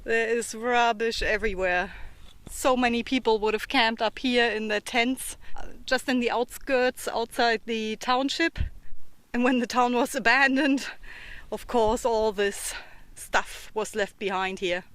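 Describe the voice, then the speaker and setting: A high-pitched woman who hunts treasure and hosts a metal-detecting vlog chats casually while digging, musing aloud with tag questions. Her tone is fairly bright and her pace measured.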